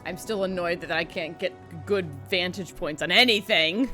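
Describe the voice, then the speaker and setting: A woman's voice: on the low side, normal speed, pushed and bright, soft background music. A woman casually commenting while playing a game, chatty and wry, now and then swearing. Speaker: let's play streamer.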